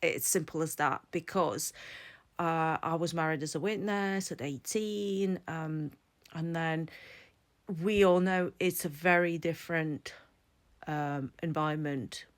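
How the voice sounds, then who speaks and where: A woman in her forties with a deep, low-set voice. She talks to camera in a personal explainer, earnest and reflective, thinking aloud as she goes. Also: slow pace. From Latvia. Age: 40s. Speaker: vlogger and psychology student.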